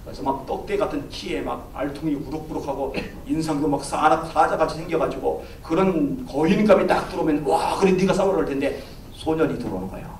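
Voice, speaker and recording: A pastor preaching a sermon, telling a story with lively swings of voice and acting out the people in it. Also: male voice, on the high side, slight background noise. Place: church sanctuary. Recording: echoey church, from far off.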